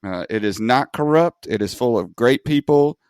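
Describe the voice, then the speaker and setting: Podcast host, New man, casual and profane, smooth low tone, dry sound. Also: expressive, normal speed, a little mellow, no echo. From Long Island, New York. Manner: loose, joking, swears freely. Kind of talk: casual chat.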